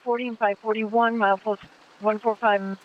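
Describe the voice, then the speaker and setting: A man's voice: sits high, little pitch movement, normal speed. A man dispatching over police radio, repeating back each report in short clipped phrases. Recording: tinny police radio transmission.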